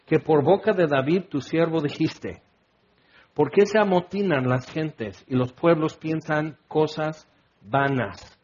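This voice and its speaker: Predicador masculino de voz aguda, enérgico, que imita voces en su sermón; sonido apagado. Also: male voice, fairly high pitch, highs cut off. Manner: animated, acts out quoted voices, shouts exclamations. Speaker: preacher. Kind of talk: sermon.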